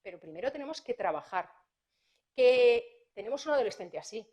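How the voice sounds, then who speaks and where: A woman, speaking as a prosecutor at a conference in a fairly high voice. She talks in a lively, anecdotal way and slips into the voices of parents and teens as she tells her cases. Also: fairly quick.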